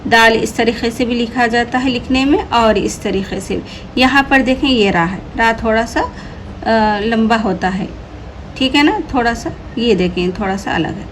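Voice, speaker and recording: A woman teaching an Urdu reading lesson, repeating each word slowly and patiently explaining how the letters sound. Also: fairly high pitch, a little hiss or hum, poor audio. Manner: slow drilled repetition of each word.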